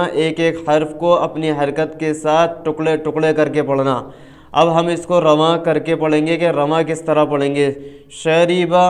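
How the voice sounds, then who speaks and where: A man leads a reading lesson. He stretches each letter drill into a slow sing-song chant. Between drills he explains quickly. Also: on the high side. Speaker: Quran reading teacher. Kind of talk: online reading lesson, spelling out syllables.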